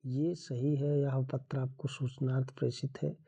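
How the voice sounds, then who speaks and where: A man's voice: medium pitch, level tone, measured pace, gravelly, mellow, breathy edge. A man teaching a Hindi grammar lesson for an exam, going through the answers one by one in an explanatory way.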